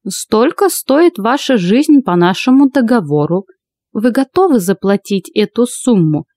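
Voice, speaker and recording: A woman voicing an old witch in an audiobook, with a creaky voice and a slow, steady, coldly menacing delivery. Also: on the high side, dry recording, voice pushed up. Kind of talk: audiobook character voice.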